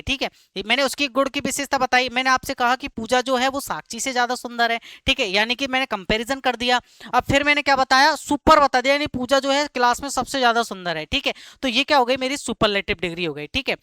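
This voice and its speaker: A man teaching a live grammar class, who keeps stopping to ask students quick check questions and repeats key words slowly. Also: very high-pitched, bright, forceful tone, clean tone, no room sound.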